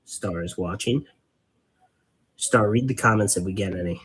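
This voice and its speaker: A man's voice: sits low, moderate pace, fairly bright tone, breathy edge. A man hosting a casual hobby painting stream, rambling and patiently explaining things, cracking corny dad jokes. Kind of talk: casual live-stream chat while painting.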